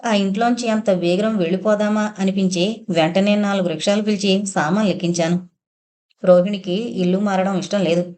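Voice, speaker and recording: A woman narrating a first-person audio novel in a steady, even storytelling manner. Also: medium pitch, moderate pace.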